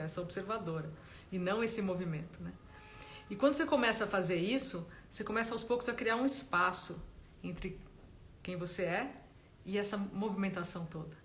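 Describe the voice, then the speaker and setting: A woman, a meditation teacher giving a gentle, explanatory live talk and often tagging her sentences with a question. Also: mid-range voice, fast talker, a little hiss or hum. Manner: gentle, explanatory, frequent "né?" tags.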